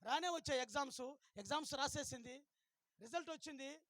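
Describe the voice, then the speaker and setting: A male pastor telling a story in a revival sermon, swinging from hushed to shouted and urging the crowd to clap and shout. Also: very high-pitched, fairly quick, no room sound, clean studio sound.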